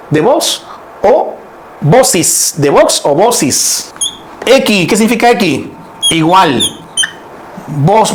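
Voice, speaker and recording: Male teacher, middle-aged, high voice; lively classroom lecture, keeps checking in with students. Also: slight background noise. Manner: lively, explains step by step, keeps checking in with listeners. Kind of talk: classroom lecture on word roots.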